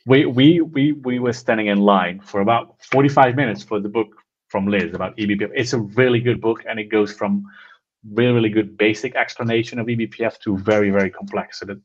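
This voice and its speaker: Lower-voiced man in casual tech chat. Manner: enthusiastic, rambling with restarts. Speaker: podcast co-host. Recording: slightly dull lo-fi sound.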